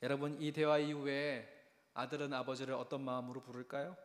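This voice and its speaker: A man's voice: mid-range voice, flat delivery, brisk. A man preaching a sermon as a pastor, emphatic and speaking straight to the congregation. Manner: emphatic, addressing the congregation directly. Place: church sanctuary. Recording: echoey church hall reverb.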